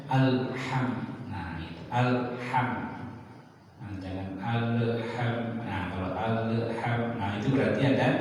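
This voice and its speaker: A man teaching a slow, explanatory mosque lesson on prayer, chanting short recitation examples. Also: lowish voice, darkish tone, slight background noise. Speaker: religious teacher. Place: mosque hall. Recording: echoey hall, distant mic.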